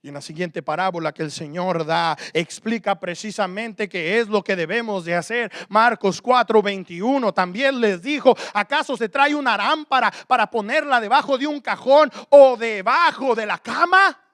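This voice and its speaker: A man preaching a sermon as pastor, moving between loud emphatic passages and quiet asides. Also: high-pitched, normal speed, hardly any pauses, dry recording, clean studio sound.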